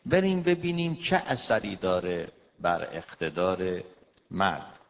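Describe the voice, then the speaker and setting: A man giving a lecture of marriage advice as a family counselor, emphatic, acting out quoted husbands and wives with big swings in pitch and loudness. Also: sing-song, a little hiss or hum. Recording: dull, lo-fi recording with long hall reverb.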